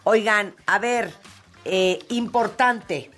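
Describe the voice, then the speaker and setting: A woman's voice: mid-range voice, very slow, a bit bright, faint music behind. A woman, a native English speaker, hosting a casual talk show, chatting and reading sponsor copy in an upbeat way. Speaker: radio show host. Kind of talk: casual radio chat with ad reads.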